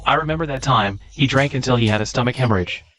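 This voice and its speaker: A man's voice: medium pitch, quick pace, a bit bright, slight background noise, close to an everyday voice. A man playing a businessman in a dubbed corporate romance melodrama. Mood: reminiscing. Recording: music under the dialogue.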